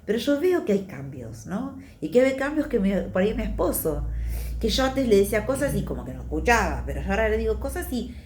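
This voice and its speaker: A woman's voice: medium pitch, big pitch swings, brisk, darkish tone, echoey room, slight background noise. A woman with a Rioplatense Spanish accent giving a conversational testimony sermon in church, confiding and chatty, often checking in with her listeners. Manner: chatty, confiding, often adds tag questions.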